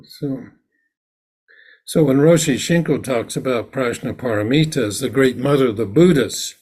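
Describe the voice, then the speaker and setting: Zen teacher guy giving a dharma talk, husky voice, medium pitch, walks through the ritual then acts the lines out. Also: moderate pace, a little mellow. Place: meditation hall at a Zen center.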